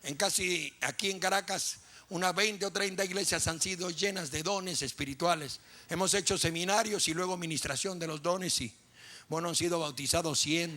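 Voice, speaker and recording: Pastor man preaching hard, high bright voice, keeps repeating himself. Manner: impassioned, repetitive preaching with vivid storytelling. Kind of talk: sermon.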